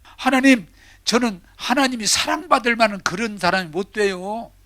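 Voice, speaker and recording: A man's voice: sits high, moderate pace, sharp tone, no echo, studio quality, voice pushed up. A man voicing a weeping woman who is new to church, pleading in a raised, tearful voice.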